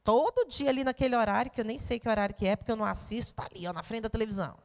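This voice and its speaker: A woman's voice: a little high, racing, in a large hall. A woman pedagogue giving a parenting talk at a church, telling stories and speaking directly to her audience. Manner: animated storytelling to an audience. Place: church hall before an audience.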